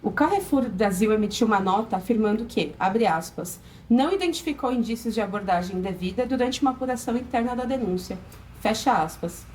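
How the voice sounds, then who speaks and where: A woman from Brazil narrates a scripted news report in a rapid, matter-of-fact delivery. Her voice sits a little high, and a faint hiss lies underneath. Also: lively intonation, darkish tone.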